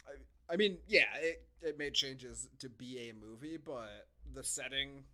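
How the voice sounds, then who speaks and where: This man's medium-pitched voice sounds pushed and bright, and he talks a little slowly. As a podcast co-host, he gives a casual film review full of sarcastic remarks and cursing.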